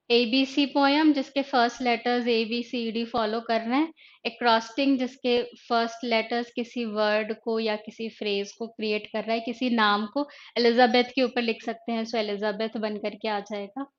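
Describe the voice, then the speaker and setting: A woman's voice: on the high side, flat delivery. A woman English teacher giving an online exam-prep lecture. She mixes Hindi and English and explains by asking questions and then answering them herself. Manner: reads poetry slowly and deliberately. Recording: dull lo-fi online class audio.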